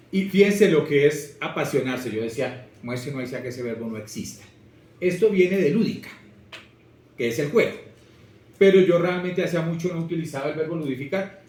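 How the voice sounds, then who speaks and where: Man, language teacher, lively lecture, distant mic, echoey room. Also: a little high. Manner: lively, expressive, speaks straight to the audience. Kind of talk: lecture to students.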